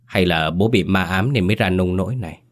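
A man's voice: low-pitched, a little fast, close to an everyday voice. A man voicing a frustrated adult son pressing worried questions. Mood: agitated. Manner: agitated, questioning.

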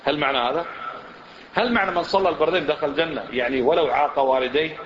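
Fast-talking religious teacher. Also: male voice, fairly high pitch. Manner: lively, quizzing listeners with rhetorical questions. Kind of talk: religious lesson lecture. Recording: echoey room, dull lo-fi sound.

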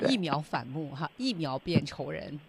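A woman's voice: low voice, big pitch swings, a little slow, slight background noise. A woman hosting a radio English lesson, chatting with the teacher and prompting him along. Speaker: radio host. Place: radio studio.

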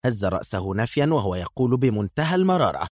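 A man narrating a thriller audiobook in a steady, expressive reading. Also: lowish voice, quick pace, no room sound, clean studio sound.

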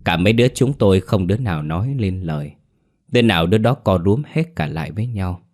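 A man reads a scripted first-person ghost story. His voice is deep and low, and the reading stays measured and steady throughout.

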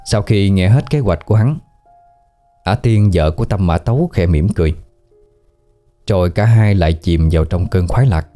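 Deep-voiced man narrating. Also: moderate pace, long pauses, warm tone, faint music behind. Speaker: storyteller. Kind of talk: scripted story narration.

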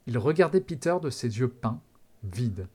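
A podcast host reading a novel excerpt aloud in a steady, measured way. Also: male voice, medium pitch, slightly rough. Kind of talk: dramatic read-aloud narration.

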